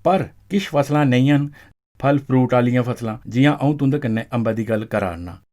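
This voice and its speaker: Explaining a farm law to farmers for an educational film, this Dogri-accented expert talks conversationally and instructively, often pausing for brief check questions to confirm understanding. He has a medium-pitched, slightly mellow, natural voice and speaks briskly.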